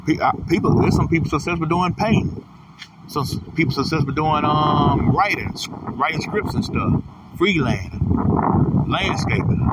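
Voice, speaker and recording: A man in his thirties giving a rambling, repetitive, profane motivational monologue as a podcast host. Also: mid-range voice. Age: 30s. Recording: distant mic with loud vehicle noise.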